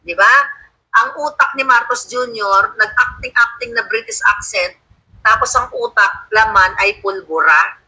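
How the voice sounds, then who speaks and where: A host on a home-studio livestream talks through the news with open scorn, picking up viewer comments and answering them aloud. The voice is piercingly sharp and tense. It also has a husky grain. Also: medium pitch, a little slow, rough recording. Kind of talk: casual live commentary.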